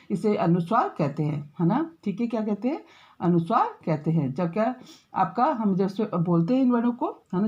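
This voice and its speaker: A woman teaching a school grammar lesson, explaining step by step, checking in often with her pupils and drawing out example words slowly. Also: mid-range voice, warm tone, breathy edge, dull audio. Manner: drawn-out, slowed example words.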